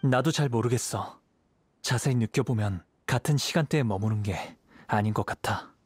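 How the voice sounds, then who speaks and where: In an anime-style video game, an actor voices a calm, perceptive young samurai, speaking in a composed, serious, measured way with a calm, cautious mood. The male voice is medium-pitched and husky, close to an everyday voice, with no echo.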